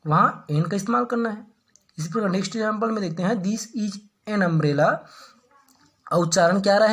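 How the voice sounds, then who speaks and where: Woman teaching English grammar in Hindi. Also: medium pitch. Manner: asks the class questions and answers them herself, reads example sentences slowly.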